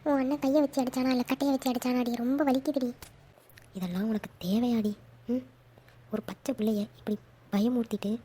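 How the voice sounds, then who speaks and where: High-voiced woman acting out a story. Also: brisk, slight background noise. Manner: animated, switching between characters. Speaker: storyteller voicing all roles. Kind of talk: acted audio story dialogue.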